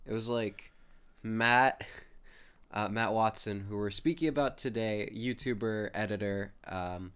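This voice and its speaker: A man's voice: on the low side, unhurried, clear, resonant tone. A young man co-hosting a casual podcast, sick with a congested, nasal voice, chatting and telling rambling stories. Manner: rambling storyteller, animated when excited. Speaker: podcast co-host. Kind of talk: casual chat.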